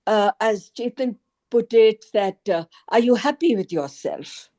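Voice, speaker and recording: During a casual book club chat over video, a woman participant talks a little slowly and haltingly, hunting for the right words. She has a mellow voice that runs a little high.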